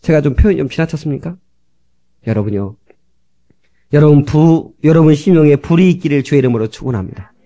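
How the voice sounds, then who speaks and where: Fervent, animated Korean pastor preaching. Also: male voice, fairly high pitch, fairly quick, pauses often, lo-fi sound. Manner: fervent preaching with sudden shouts and acted-out quotes. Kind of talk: sermon. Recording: old cassette tape transfer.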